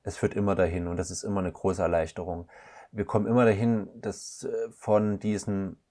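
A man's voice: sits low, level tone, brisk, a little mellow. A man speaking as a couples counselor guest, in a thoughtful, searching way with frequent hesitations. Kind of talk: reflective podcast conversation.

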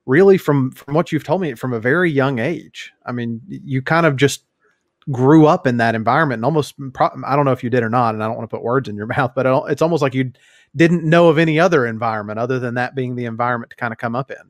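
A man's voice: mid-range voice, fast, no echo, studio quality. A man hosting an interview show, speaking with rambling enthusiasm. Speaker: host. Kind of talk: casual interview talk.

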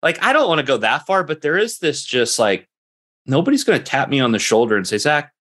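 A man in his own voice hosting a casual interview. He thinks out loud with energy, often rephrasing mid-sentence with "like" and "you know." His pitch sits right in the middle for a man. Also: sing-song, brisk. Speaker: podcast host.

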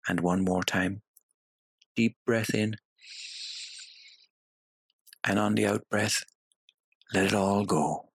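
A man leading a guided meditation in a soothing, hypnotic way, with long pauses between phrases. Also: fairly low pitch, fairly even intonation, vocal fry, husky, no room sound, poor audio.

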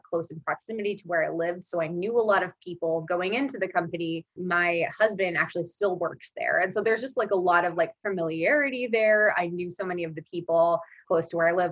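Woman chatting casually as an interview guest, kinda husky voice, dull muffled sound. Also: on the low side, a bit bright, no echo. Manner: informal, conversational, frequent 'like' as filler. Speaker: podcast guest, marketing leader.

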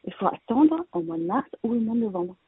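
With a high-leaning, slightly rough voice, lively intonation, and a brisk pace, a Vietnamese-heritage woman living in France advises on plant care as an invited expert and interior plant decorator. She's hesitant, full of fillers and restarts. The dry, narrow, phone-like recording has no echo.

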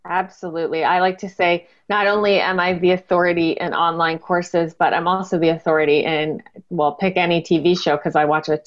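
A woman's voice: lowish voice, flat delivery, brisk, few pauses. A woman in her thirties hosting a casual panel chat on a video call, upbeat, chatty and agreeable. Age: 30s. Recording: dull lo-fi call audio.

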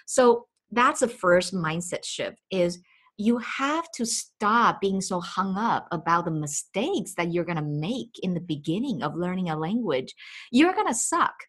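A woman's voice: fairly low pitch, measured pace, breathy edge. A woman with a heavy Chinese accent, talking as a language coach and giving casual, chatty advice. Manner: animated, chatty, frequent fillers.

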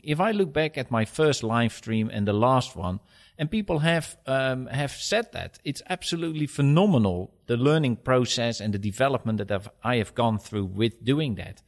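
A man's voice: medium pitch, lively intonation, normal speed. A man with a Dutch accent answering conversationally as a podcast guest, direct and instructive. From Netherlands. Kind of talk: conversational interview.

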